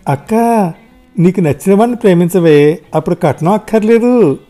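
A cheeky schoolboy needling his older sister, voiced by a male storyteller. He pitches up and keeps the tone dark and mellow, with soft music beneath. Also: expressive, normal speed. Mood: mocking. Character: teasing schoolboy younger brother.

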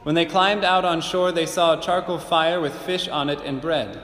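A man's voice: on the high side, steady tone, moderate pace, fairly bright tone. Man's voice in a cathedral echo. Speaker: priest. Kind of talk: gospel reading and homily. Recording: echoey church with long reverb, faint hiss.

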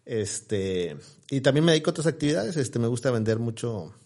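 A man's voice: mid-range voice, lively intonation, fairly quick, a little mellow. A man, chatting as an interview guest and telling rambling stories full of fillers and restarts. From Mexico, Tamaulipas. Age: 40s. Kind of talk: casual interview chat.

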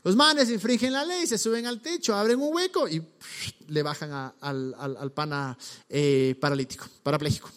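High-pitched guy preaching, super slangy, acts out the people in the story. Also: normal speed, a bit bright. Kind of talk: casual sermon.

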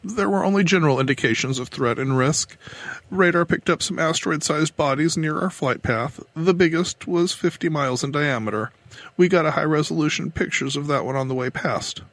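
A man voicing a female mission control captain giving guarded, defensive testimony, somewhat higher and softer than his own voice. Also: brisk, dry recording.

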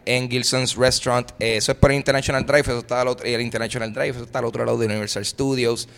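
A Puerto Rican man, a comedian guest on a podcast, chatting excitedly in quick bursts sprinkled with English words. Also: medium pitch, gravelly, long reverb tail. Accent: Puerto Rican Spanish. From Puerto Rico. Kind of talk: casual podcast chat.

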